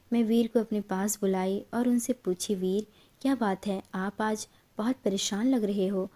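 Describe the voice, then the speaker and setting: A woman's voice: mid-range voice, dark tone. Woman narrating an emotional story. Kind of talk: first-person story narration.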